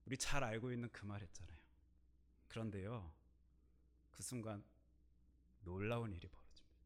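A middle-aged male pastor preaches a sermon built around a personal story, his fairly low voice moving at normal speed. He swings between quiet asides and loud, emphatic bursts.

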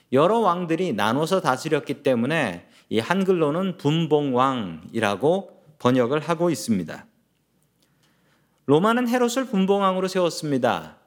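A male pastor delivering a Sunday sermon, telling a story and asking the congregation questions. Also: a little high.

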